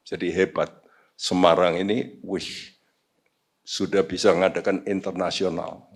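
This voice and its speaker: A male pastor preaching a sermon, swinging from quiet low asides to sudden loud high outbursts, slipping in English phrases. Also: little pitch movement, vocal fry, husky. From Indonesia. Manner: slow, deliberate, mixes in English phrases. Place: church sanctuary.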